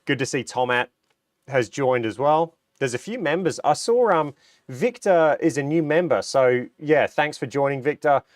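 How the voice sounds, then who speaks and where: A man's voice: fairly high pitch, animated, moderate pace, no room sound, clean studio sound. A middle-aged Australian man hosting a casual livestream, a little nasal from a cold, chatting and reading out viewer comments with plenty of ums and restarts. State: recovering from a cold, a bit nasal. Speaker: livestream host.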